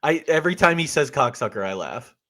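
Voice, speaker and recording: A man's voice: mid-range voice, expressive, brisk, a bit bright. A man co-hosting a podcast, chatting casually about a movie and laughing readily. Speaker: podcast co-host. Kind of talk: casual film discussion.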